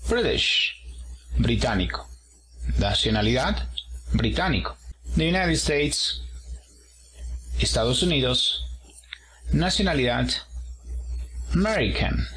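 Slow, patient male English teacher. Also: medium pitch, a bit bright, slight background noise, rough recording. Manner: slow, patient, models English words after each explanation. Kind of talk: explaining a textbook page.

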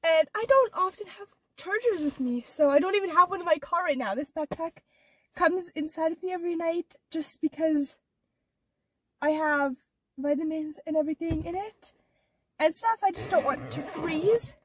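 A teenage vlogger with a very high voice chats casually in her car at normal speed, rambling with many "like" and "or whatever" fillers. Her nose is stuffed up from allergies, and the poor audio was recorded from a distance.

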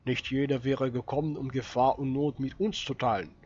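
A man voicing an old farmer who speaks loudly, in exclamations, as he reads a story aloud. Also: mid-range voice, level tone, moderate pace, husky, lo-fi sound, natural voice. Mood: earnest. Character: old male farmer, frightened, then grateful.

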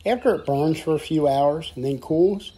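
A man's voice: a little high, moderate pace, dark tone, husky. A man, narrating his exploration of old ruins in an earnest, reflective way. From northern Delaware. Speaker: restoration vlogger. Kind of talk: documentary narration.

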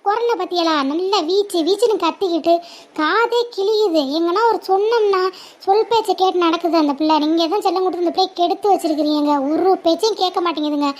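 A scolding mother in a home drama, played by a woman, her voice sitting very high. She nags her daughters in a sharp, constant stream. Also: fast talker. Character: scolding middle-aged mother of two girls. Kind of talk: family drama role-play.

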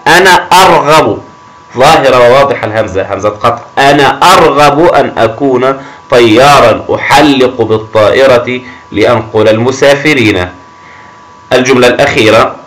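A man teaching a grammar lesson to young children, encouraging and often praising them, stretching words slowly as he reads them aloud. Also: medium pitch, fairly bright tone, low-quality recording. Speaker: primary school teacher.

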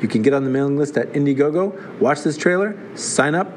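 A man hosts a comedic TV series review, speaking wryly and dropping sarcastic asides. His voice is on the high side, animated, and fairly quick, with slight background noise.

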